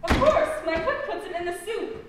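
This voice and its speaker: A woman's voice: very high voice, expressive, moderate pace, background noise. Woman playing a bossy, rude duchess. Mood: brusque. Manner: brusque, bossy and loud. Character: rude, bossy noblewoman, loud and brusque. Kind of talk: stage play acting. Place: school stage in an auditorium. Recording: echoey hall from far off.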